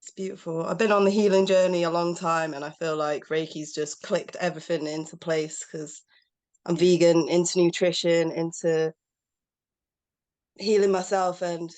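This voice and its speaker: A woman with a slightly low voice introduces herself on a video call. She sounds enthusiastic and warm, and laughs lightly as she talks. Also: little pitch movement, normal speed. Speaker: participant.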